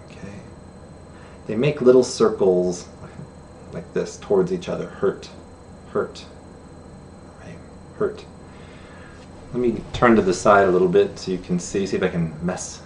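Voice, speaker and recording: A man's voice: low voice, darkish tone. A middle-aged man teaching a friendly beginner sign language lesson to camera, chatty and laughing at himself. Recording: distant camera mic with faint room noise.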